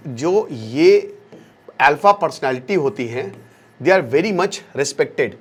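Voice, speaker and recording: Emphatic high-voiced man giving a lecture. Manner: emphatic, mixes English phrases into Hindi. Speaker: educator. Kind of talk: motivational lecture.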